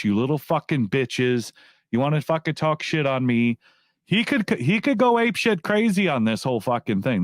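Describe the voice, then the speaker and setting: A man's voice: medium pitch, dry recording, studio quality. A man ranting casually to his viewers as a YouTube commentator, profane and repetitive, often restarting his phrases. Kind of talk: casual rant to camera.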